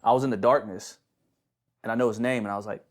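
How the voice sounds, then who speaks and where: Low-voiced man telling a ghost story. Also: steady tone, quick pace. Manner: loose storytelling with slang, restarts and laughs. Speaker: podcast co-host.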